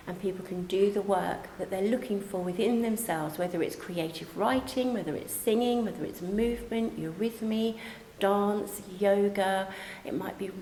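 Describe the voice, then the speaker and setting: A woman on a college's staff talks conversationally in a promotional interview, her medium-pitched voice a little mellow. The recording was made in an echoey space, with faint background ambience and slight noise.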